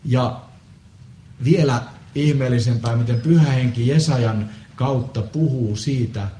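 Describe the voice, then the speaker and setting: A man preaching a solemn Good Friday sermon, measured with pauses and the odd hesitant filler. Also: medium pitch, mellow. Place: church. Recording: echoey church with faint ambience.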